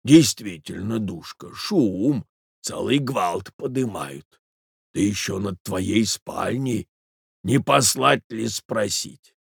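A man's voice: on the low side, lively intonation, vocal fry, breathy edge, no echo, studio quality, pitched below the performer's own voice, full character voice. Man doing a doddering old husband. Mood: fussy. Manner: slow, mumbling, coughing. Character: frail old male husband, doting and fussy.

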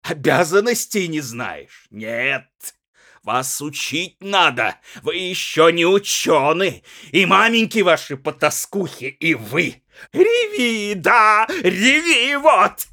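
A man reading aloud, voicing a slightly drunk, jealous husband who shouts and berates his young wife in high, strained yells. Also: lively intonation, drawn-out words, no room sound, studio quality, full character voice. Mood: bellowing. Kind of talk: dramatic audiobook reading.

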